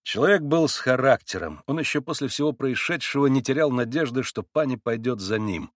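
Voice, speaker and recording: A man narrating an audiobook in a dramatic, expressive reading. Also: medium pitch, a little fast, no echo, clean studio sound.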